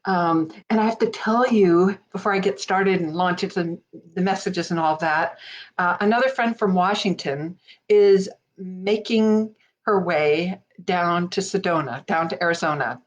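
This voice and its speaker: A woman's voice: lowish voice, a little slow, lo-fi sound. A woman hosting a casual live stream from her home desk, greeting viewers by name with lots of fillers. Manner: chatty, warm greetings, many fillers.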